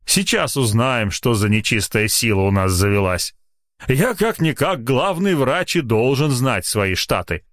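A man's voice: medium pitch, very animated, measured pace, a bit bright, dry recording, studio quality. Ironic, stern country chief doctor voiced by a man, middle-aged; audiobook character. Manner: ironic, scolding.

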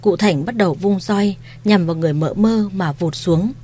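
A woman reading a story aloud in an even storytelling manner. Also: fairly low pitch, moderate pace. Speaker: story narrator. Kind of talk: scripted narration.

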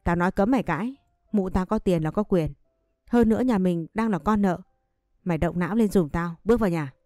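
A stern village mother, sharp-tongued and scolding, as a woman narrator puts her on. The voice is mellow and read close and dry, with faint music under the storybook. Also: on the low side, a little fast, no echo, lightly acted.

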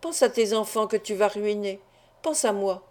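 A woman's voice: medium pitch, normal speed, a little mellow, lightly acted. A woman reading an insistent older businessman. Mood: pressing. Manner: insistent and pleading, persuasive. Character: self-interested older male business partner. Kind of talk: audiobook character reading.

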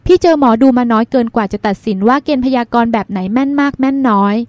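A calm woman doctor , voiced by a woman narrator, reasons things through in an audiobook. The voice is high-pitched, close and dry. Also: no echo, lightly acted. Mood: reasoning. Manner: measured and reasoning. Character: calm grown woman doctor, thoughtful and earnest. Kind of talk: audiobook dialogue.

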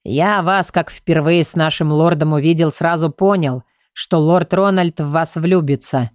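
A woman voicing an old male gardener, humble and devoted, speaking in an emotional, halting way. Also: deep voice, darkish tone, no room sound, clean studio sound. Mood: tearful.

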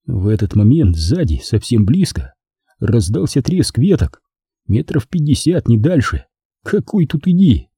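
A man narrating a first-person war adventure audiobook in a wry, expressive way. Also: mid-range voice, a little slow, breathy edge, no echo, clean studio sound.

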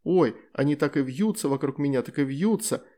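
A man's voice: medium pitch, lively intonation, moderate pace, darkish tone, lightly acted. A man voicing a playful, teasing demoness wife and mother in an audiobook story.

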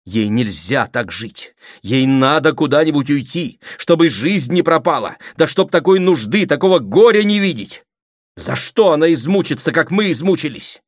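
A man's voice: mid-range voice, a little slow, no room sound, clean studio sound, pitched above the performer's own voice, natural voice. A man voicing an aggrieved middle-aged sister who pleads and reproaches her brother, in an audiobook reading. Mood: reproachful.

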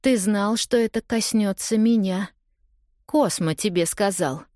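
A woman's voice: medium pitch, a little slow, a little mellow, dry recording, studio quality, voice pushed up, natural voice. A woman reading an audiobook, voicing a hurt young woman who confronts her lover in a raised, pleading, accusing voice.

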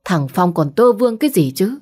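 A woman's voice: medium pitch, very animated, brisk, a little mellow, soft background music. Stern old grandmother matriarch, read by a woman. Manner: authoritative, lecturing.

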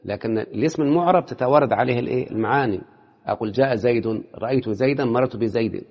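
A man with an Egyptian Arabic accent teaching Arabic morphology, breaking up his classroom lecture with quick questions to his students. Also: medium pitch. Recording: lo-fi with long hall reverb.

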